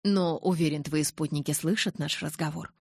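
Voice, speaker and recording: A woman's voice: low-pitched, normal speed, breathy edge, dry recording, clean studio sound. A woman reading a mocking menacing kidnapper. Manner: calm, mocking, commanding. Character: menacing smooth-voiced male kidnapper. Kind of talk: audiobook character voice.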